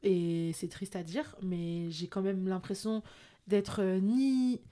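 A woman's voice: mid-range voice, fairly even intonation, takes it slowly, mellow. Candid, talkative French woman. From France. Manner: candid, talkative, frequent fillers. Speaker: guest, entrepreneur and influencer. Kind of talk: casual interview chat.

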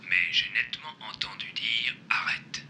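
An actor voicing a menacing male talking car computer in a dubbed TV series clip, with a gravelly, whispery voice. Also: medium pitch, animated, normal speed. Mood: cold, menacing.

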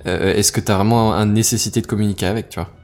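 Man, podcast co-host, quick, teasing, slangy, rather low voice, faint music. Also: fairly even intonation, a little mellow. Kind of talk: casual tech podcast discussion.

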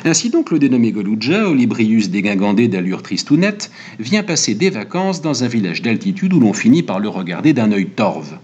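A man reading his book review aloud in a wry, animated way. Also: lowish voice, moderate pace, few pauses, breathy edge, highs cut off.

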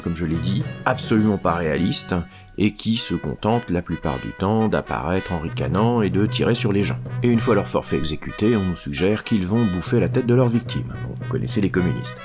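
Low-voiced sardonic man reviewing films. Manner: sardonic, exasperated. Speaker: film reviewer. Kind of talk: comic spoken film review.

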